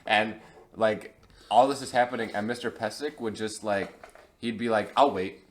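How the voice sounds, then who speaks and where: A man's voice: on the low side, steady tone, moderate pace, slight background noise. A young man chatting casually on a podcast, drawling through anecdotes with plenty of "like" and "dude". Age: young adult. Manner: laid-back, drawling anecdotes full of "like" and "dude". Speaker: podcast guest. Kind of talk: casual chat.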